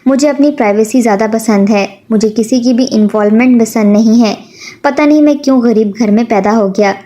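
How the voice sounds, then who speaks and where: A woman's voice: on the high side, dark tone, natural voice. A woman voicing a spoiled, demanding schoolboy son who talks in a whiny, resentful way.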